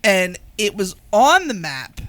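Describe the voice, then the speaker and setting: A woman's voice: mid-range voice, sing-song, slow, a bit bright, no echo. A woman co-hosting a podcast, telling a road trip story in casual chat and filling her speech with "like". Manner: chatty storyteller, many "like" fillers. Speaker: podcast co-host.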